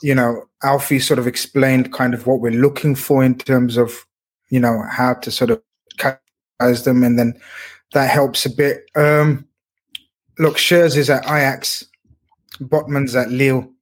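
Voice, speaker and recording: A man's voice: medium pitch, level tone, unhurried. A man in a casual sports discussion, giving his view as a pundit and often repeating words as he weighs it. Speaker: football pundit.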